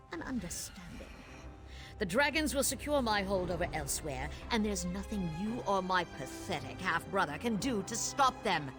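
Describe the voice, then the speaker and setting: A woman's voice: lowish voice, lightly acted. An actress playing a haughty, scheming queen in a fantasy video game, imperious and mocking, with a seductive cruel edge.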